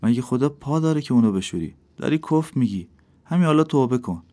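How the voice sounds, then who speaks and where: A man voicing a stern prophet figure who scolds in a slow, forceful way. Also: mid-range voice, lively intonation, voice pushed up, natural voice. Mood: scolding.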